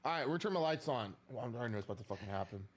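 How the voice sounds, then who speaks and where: A man's voice: mid-range voice, expressive, rapid-fire, a little hiss or hum. A male live streamer chatting casually to his viewers, swearing freely and repeating his phrases.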